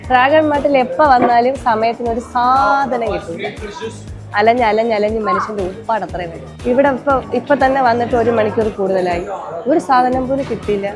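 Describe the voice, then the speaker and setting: A woman's voice: a little high, brisk, over music. A young woman vlogging casually while shopping, chatting playfully and coaxing her small child along. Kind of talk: casual vlog chat. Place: shopping mall.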